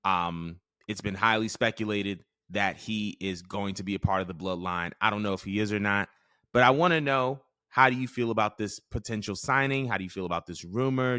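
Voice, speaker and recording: A man co-hosting a casual chat show, leading the topics in a clear, steady, presenter-like way. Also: lowish voice, a little fast, no echo, studio quality. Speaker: podcast co-host.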